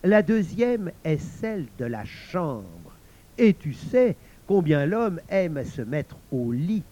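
A man's voice: a little high, big pitch swings, takes it slowly, warm tone, lo-fi sound, heavily acted. A man voicing a sly, scheming old devil.

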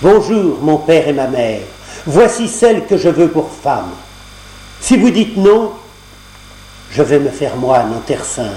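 A man's voice: on the high side, sing-song, slow pace, warm tone. A man voicing a bold young knight hero. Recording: roomy cassette recording, faint hum.

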